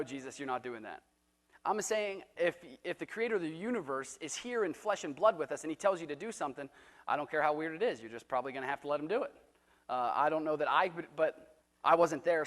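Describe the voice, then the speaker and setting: A man's voice: on the high side, big-room sound. A man preaching a casual, conversational sermon in a church, talking in a loose, chatty way with fillers and restarts. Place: church sanctuary.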